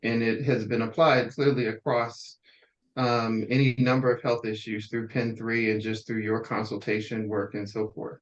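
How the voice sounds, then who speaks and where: A man's voice: medium pitch, level tone, normal speed. A man hosting an interview, framing long, careful questions in a conversational tone. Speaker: interviewer host. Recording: dull lo-fi audio.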